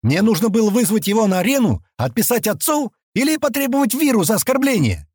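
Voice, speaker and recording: Man doing a defiant highland boy. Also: sing-song, fast talker, slightly rough, no room sound, studio quality, full character voice. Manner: defiant, shouting back. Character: proud defiant young highland boy, heir.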